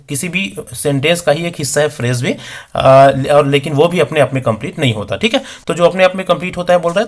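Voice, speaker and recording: A man teaching an exam-prep lesson, reading English questions slowly and then explaining the answers conversationally, often tossing rhetorical questions to the viewers. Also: fairly high pitch, fairly bright tone.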